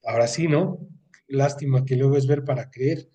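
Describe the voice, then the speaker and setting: A man with a dark, mid-range voice and a Mexican Spanish accent talks at normal speed, far from the mic, while leading a Bible study. He reads passages aloud, explains them conversationally, and keeps asking "¿no?" for agreement.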